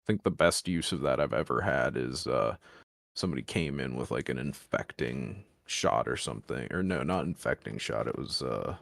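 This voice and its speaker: A man's voice: rumbling low, animated, normal speed, creaky, fairly bright tone, no room sound, studio quality. An American man in casual chat, explaining things in detail and pressing his point. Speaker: podcast co-host. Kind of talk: casual chat about card games.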